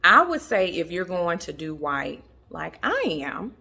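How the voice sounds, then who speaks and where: Lively, bright-voiced woman vlogging. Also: lowish voice, measured pace, vocal fry, breathy edge. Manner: chatty and emphatic, laughs often, addresses viewers as y'all. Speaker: interior design vlogger. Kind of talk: casual chat to camera. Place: at home in a family room. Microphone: camera in the room.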